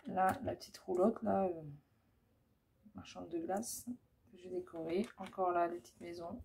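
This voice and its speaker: A woman's voice: on the low side, steady tone, measured pace, creaky, dark tone, slight background noise. A woman chatting casually as she shows off her scrapbooking crafts, hesitant and full of fillers. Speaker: scrapbooking vlogger. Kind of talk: casual show-and-tell.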